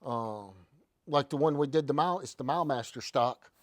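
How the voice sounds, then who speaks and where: A man's voice: medium pitch, moderate pace, no echo. Folksy man, dry sound. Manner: folksy, relaxed, drawling. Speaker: show host. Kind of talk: casual livestream chat.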